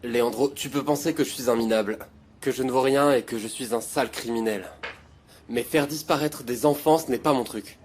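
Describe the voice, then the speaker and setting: A man's voice: medium pitch, normal speed, a little mellow, a little hiss or hum, close to an everyday voice. An actor dubbing a jailed man who protests his innocence to an old friend in a telenovela. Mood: pleading.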